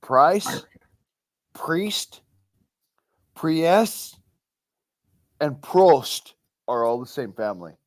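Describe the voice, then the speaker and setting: A man's voice: a little high, very animated, drawn-out words, pauses often, no echo. A man with an Arkansas accent chatting casually, insistent and repeating himself for emphasis. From United States, Arkansas. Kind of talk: casual chat.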